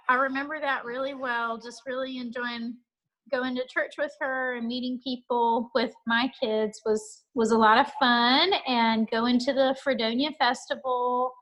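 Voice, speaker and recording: A woman in her thirties sharing fond family memories of her grandmother in a halting, casual way, with many fillers and restarts. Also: high-pitched, a bit bright, poor audio. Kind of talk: casual spoken tribute.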